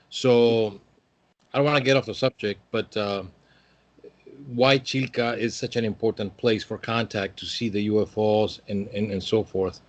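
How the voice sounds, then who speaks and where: A Peruvian man in his fifties is a guest in a relaxed, casual interview, speaking at an ordinary middle pitch. He rambles and sounds hesitant, with many "um"s and restarts.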